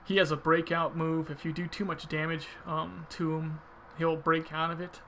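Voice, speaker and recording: A man's voice: a little high, level tone, moderate pace, fairly bright tone, slight background noise. A man giving casual video game commentary, thinking aloud informally as he explains his technique.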